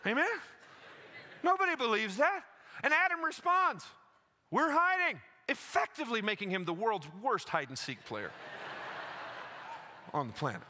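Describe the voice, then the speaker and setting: A man's voice: very high-pitched, wildly swooping pitch, slow pace, long pauses. A man preaching a sermon, telling a story with energy and acting out the voices of the people in it. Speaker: pastor.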